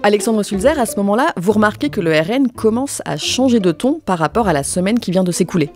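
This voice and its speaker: A podcast host reading scripted news narration and putting clear, poised questions to a reporter. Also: mid-range voice, animated, quick pace, faint music behind.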